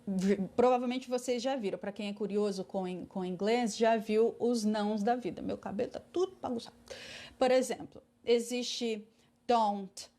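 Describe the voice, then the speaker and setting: A woman teaching English in an online class, patiently explaining and repeating English words slowly for pronunciation. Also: mid-range voice, fairly even intonation, dark tone.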